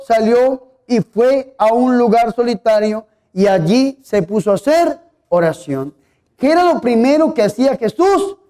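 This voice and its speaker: High-voiced male priest preaching. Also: warm tone, smooth. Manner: conversational, asks the audience questions, tells humorous anecdotes. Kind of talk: sermon.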